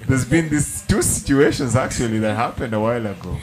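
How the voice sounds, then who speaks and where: A man's voice: mid-range voice, animated, brisk, crowd noise. A man co-hosting a podcast in casual chat, telling stories with many restarts and fillers. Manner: rambling storyteller with many restarts. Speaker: podcast co-host.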